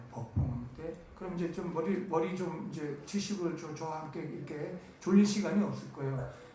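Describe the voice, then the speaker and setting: A mellow, mid-range voice belongs to a preacher giving a sermon at a church summer camp. Key words get stressed and repeated, and questions are put to the audience, all in a large church hall that sounds very echoey with faint noise.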